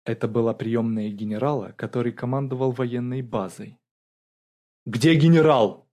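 A man narrating an audiobook in a steady, brisk storytelling manner. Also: medium pitch.

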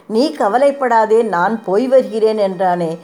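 A woman's voice: medium pitch, measured pace, mellow, close to an everyday voice. A woman voicing Sita, a devoted young princess, in a pleading, poetic manner in a storybook reading.

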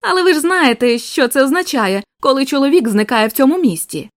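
A woman's voice: high-pitched, expressive, brisk, no echo, clean studio sound. A woman reading the lines of a blunt, breezy male police inspector in an audiobook, in an offhand, worldly way.

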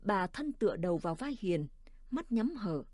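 A woman narrating a story in a calm, measured audiobook reading. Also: mid-range voice, dry recording, clean studio sound.

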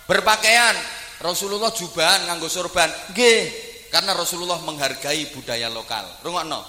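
A male preacher, his voice high and piercingly bright. He swings between playful jokes and loud, fervent declamation. The sound rings out with long reverb across a large hall, with faint room ambience behind. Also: moderate pace, slight background noise. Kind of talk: humorous sermon.

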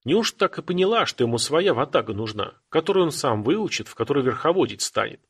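Man voicing a gruff old Cossack granny. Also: mid-range voice, very animated, fast talker, pitched above the performer's own voice. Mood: scornful. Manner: scolding, snorting. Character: gruff old Cossack grandmother, sharp-tongued, bossy.

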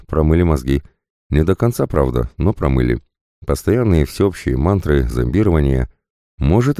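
A man narrating an audiobook in a steady, measured way. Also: rumbling low, no echo, studio quality. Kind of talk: scripted narration.

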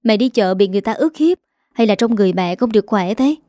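A woman voicing a young office-worker daughter, soft and pleading with her mother. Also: medium pitch, animated, fast, no room sound, clean studio sound, lightly acted. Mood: worried.

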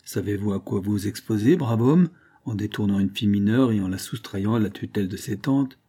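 A man's voice: fairly low pitch, fairly quick, warm tone, breathy edge. A man voicing a stern, impetuous justice of the peace who reproaches someone. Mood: reproachful. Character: stern middle-aged male justice of the peace.

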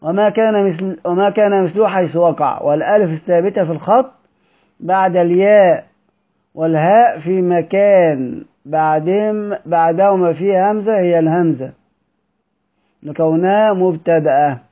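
A man's voice: sits high, moderate pace, highs cut off. Egyptian man teaching from a classical text. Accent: Egyptian Arabic. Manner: alternates formal reading with colloquial explanation, asks students questions. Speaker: teacher of Quran orthography. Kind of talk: reading a classical text aloud and explaining it.

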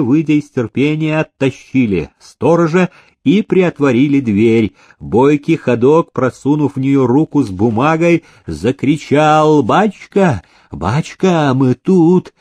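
A man narrating a story in a measured, expressive storytelling manner. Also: medium pitch, breathy edge, dry recording. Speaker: audiobook reader. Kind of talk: scripted narration.

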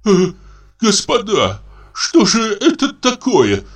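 A pompous bank director gone shrill with outrage, his voice pushed up high and wide-ranging, as a man reading the story puts him on. He is stiff and formal even when yelling. A storybook stuffed shirt. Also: slow, exaggerated voice. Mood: indignant.

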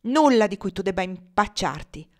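A woman reading the part of a brutal, superstitious slave-owner man who blusters and curses loudly. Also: medium pitch, expressive, moderate pace, natural voice. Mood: frightened anger. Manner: blustering, loud and cursing.

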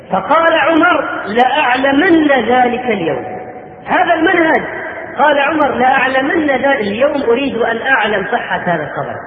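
A man preaching a sermon, retelling a story with short quoted lines and then exhorting his listeners. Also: very high voice. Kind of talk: recorded sermon lecture. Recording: phone-like, echoey hall recording.

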